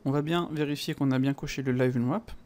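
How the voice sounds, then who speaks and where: A man with a French accent talking through a software tutorial in a casual, chatty way, full of fillers and little sound words. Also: medium pitch, fairly even intonation, fairly quick. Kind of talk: casual screen-recorded tutorial.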